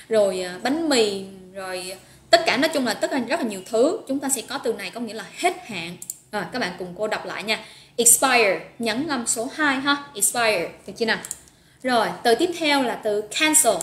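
A woman's voice: fairly high pitch, a bit bright. A woman teaching an English vocabulary lesson live online, upbeat, praising students by name and drilling pronunciation. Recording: echoey room with faint noise.

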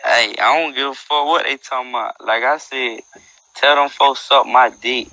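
This young man runs a nighttime phone livestream, boasting in loose street slang and freestyling amid casual banter. His mid-range voice is bright and forceful, delivered at a moderate pace. Recorded on an earbud headset mic with no room sound, from a dim room, the audio is poor.

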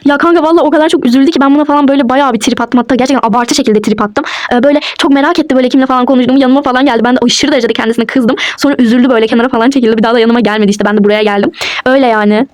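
A cold, defiant young wife, as a woman puts her on in a toy role-play. She speaks fast in a high voice, with curt, dismissive retorts. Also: fairly even intonation, close to an everyday voice.

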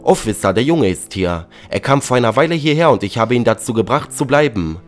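A man voicing a kind, startled mother in a storybook narration, talking earnestly and quickly. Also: mid-range voice, expressive, over music, natural voice. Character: startled kind mother, middle-aged woman.

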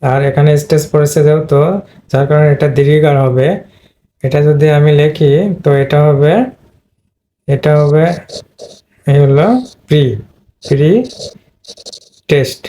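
A man's voice: on the high side, level tone, normal speed, long pauses, warm tone, a little hiss or hum. A man teaching English pronunciation in an online lesson, repeating each word again and again as he explains stress. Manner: repetitive, drills words over and over.

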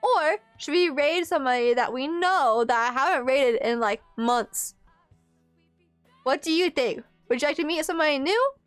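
Young woman streaming, really high voice, chatty and giggly, dry room sound, music behind. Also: animated, normal speed, dry recording. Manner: playful, giggly, exclamatory. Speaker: live streamer. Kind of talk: casual livestream chat with viewers. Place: small room at home, indoors.

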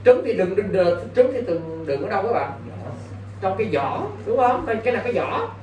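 A warm, high voice belongs to a very animated male English teacher who speaks at a moderate pace, prepping students for an exam with constant quizzing and frequent "got it?" checks. The recording is roomy and distant-miked, with faint background noise.

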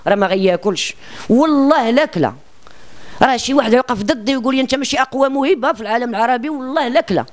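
A man with a Moroccan accent talks about himself in a boastful, rambling way. His voice sits very high for a man, and he speaks quickly, cutting off words and starting them again. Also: lively intonation. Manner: boastful and rambling, with frequent restarts. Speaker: self-described singer being interviewed. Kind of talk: casual interview talk.

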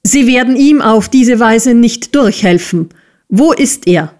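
A woman voicing a brutal male schoolmaster who shouts, sneers and bullies, in an audiobook reading. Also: fairly high pitch, measured pace, pitched above the performer's own voice, natural voice. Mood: raging.

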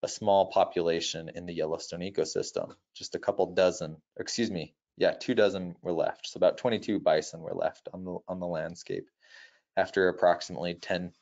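Deep-voiced man giving a nature documentary-style talk. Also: steady tone, gravelly, darkish tone, lo-fi sound. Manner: measured, informative, with halting self-corrections. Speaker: wildlife presenter giving a nature lecture.

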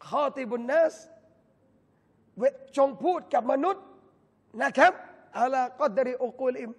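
A man, a religious lecturer, giving a lively talk at a mosque event and bantering with the audience through direct questions. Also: very high-pitched. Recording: long hall reverb from a mosque.

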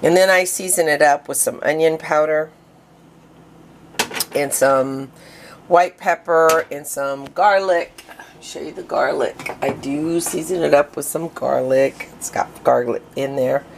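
A woman's voice: low voice, measured pace, gravelly, slight background noise. A woman vlogging a casual cooking demo in her home kitchen, chatty and rambling with many fillers and restarts, breathing hard.

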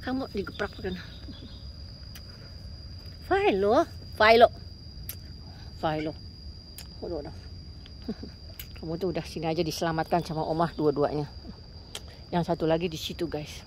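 A woman's voice: fairly even intonation, a little fast, long pauses, darkish tone. Woman vlogger, casual, cooing and mock-scolding pets, faint rural outdoor noise. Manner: coos and scolds playfully at pets, high-pitched calls. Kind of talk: casual vlog talking to viewers and pets.

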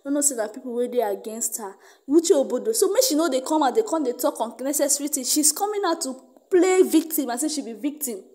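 A woman's voice: high-pitched, lively intonation, fast, mellow. A woman with a Nigerian accent giving casual gossip commentary, emphatic and repetitive, mixing in Pidgin.

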